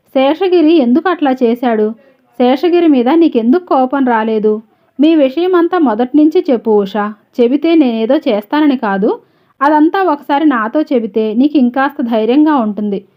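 A woman reading the lines of a loyal, outspoken young woman who presses her friend with questions. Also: high voice. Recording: slightly dull, lo-fi audio.

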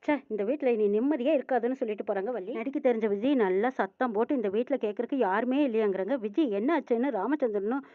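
A woman's voice: fairly high pitch, fast, no room sound. A woman retelling a TV serial episode, voicing each character's lines as she tells the story. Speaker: serial recap narrator. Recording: tinny phone-like sound, dry.

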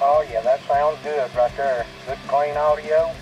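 A man's voice: a little high, fairly even intonation, measured pace, over loud music. A man with a ham operator's terse on-air phrasing, heard through a two-way radio speaker. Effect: heard over a two-way radio. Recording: muffled radio speaker audio.

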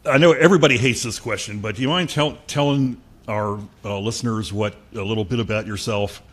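A man hosting a podcast interview from a library meeting room, speaking in a chatty, hesitant way with many pauses. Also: on the low side. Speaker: podcast host. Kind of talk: interview questions.

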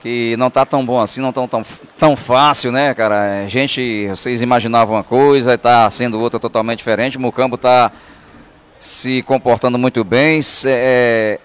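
A man reporting live from a football pitch into a handheld mic, repeating words as he searches. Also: steady tone, normal speed, fairly bright tone, smooth. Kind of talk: live, improvised reporting and interviewing. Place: outdoors on a football pitch at night. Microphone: handheld reporter microphone.

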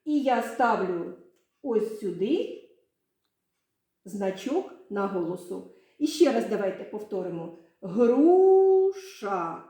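A primary school teacher with a medium-pitched, dark-toned voice teaches young children a literacy lesson in a very echoey room. She's animated but a little slow, with long pauses, patiently stretching words out to show their syllables.

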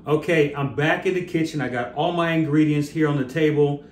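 A man's voice: a little high, steady tone, fairly quick, echoey room. Chatty middle-aged man vlogging. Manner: easygoing, chatty, with fillers and restarts. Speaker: host of a cooking and brewing channel. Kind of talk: casual vlog talk. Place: outdoors on the street, then a home kitchen. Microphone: camera held at arm's length.

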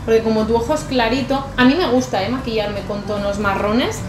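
With background music in an echoey room, a young adult woman with a Spain Spanish accent chats her way through a makeup tutorial as a beauty vlogger. She's indoors in a small, bright bedroom, speaking fairly quickly in a fairly high-pitched voice.

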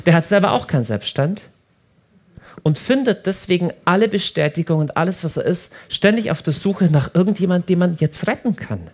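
A man giving a lively talk to a live audience, animated and often repeating himself as he restarts sentences. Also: sits high, fairly quick. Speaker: speaker at a prayer house.

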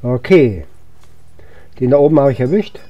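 A gaming video host, a man with a cough-weakened voice, mutters short casual remarks as game music plays. His medium-pitched voice is expressive and at normal speed, recorded with no echo and the highs cut off.

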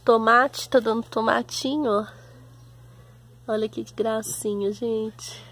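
A woman's voice: fairly high pitch, fairly even intonation, slow, a bit bright. A woman with a Brazilian Portuguese accent, chatting casually to her viewers while showing her backyard garden outdoors. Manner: chatty, homely, often calls out to her viewers. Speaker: home and garden vlogger.

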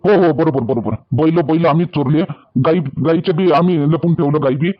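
A man's voice: a little high, a little fast. Emphatic Varhadi man in village comedy. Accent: Varhadi Marathi. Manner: emphatic and repetitive, pleading. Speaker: comedy sketch actor. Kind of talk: rustic village comedy sketch. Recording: dull lo-fi sound.

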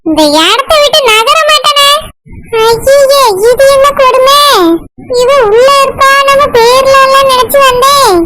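A woman with a Kanyakumari Tamil accent voicing a scheming older village mother-in-law who grumbles to herself fast and fretfully. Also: very high voice, steady tone, pitched above the performer's own voice, full character voice, rough recording. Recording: loud background noise.

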